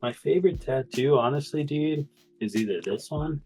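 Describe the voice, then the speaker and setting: A man's voice: on the high side, moderate pace, a little mellow. A young man in a casual chat, laid-back and saying "dude" a lot. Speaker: co-host, cousin.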